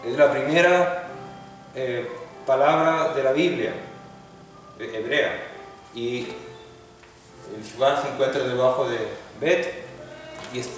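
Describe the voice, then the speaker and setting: A man's voice: medium pitch, slow pace, pauses often, far from the mic, soft background music. Man teaching Hebrew in an echoey hall. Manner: patient, explains step by step, asks students questions. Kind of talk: classroom lecture.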